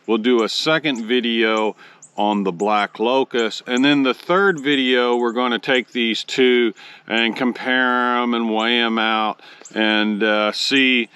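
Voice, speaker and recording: A man from Oklahoma hosting a casual review, explaining things in a measured, deliberate way. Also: mid-range voice, fairly even intonation, pushed and bright, smooth. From Oklahoma, United States. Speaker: pipe tobacco review host.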